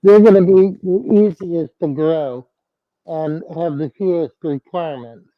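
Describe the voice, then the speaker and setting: Slow easygoing guy giving advice on a live stream, muffled bassy lapel mic, sounds dull. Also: dry recording. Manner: slow, plain, reassuring advice. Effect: muffled, bass-heavy sound from a clip-on mic. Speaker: host of an aquarium livestream. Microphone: clip-on lapel mic.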